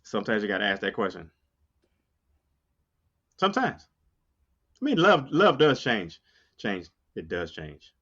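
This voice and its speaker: A man's voice: lowish voice, huge pitch swings, measured pace, pauses often, fairly bright tone, slightly rough, lo-fi sound. A man co-hosting a podcast in casual chat, musing and opinionated, often repeating his phrases for rhythm. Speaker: podcast co-host.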